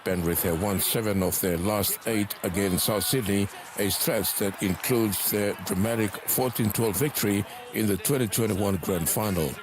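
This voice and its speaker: A man delivering a scripted sports report voice-over in a smooth, steady read. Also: on the low side, moderate pace, few pauses, background noise.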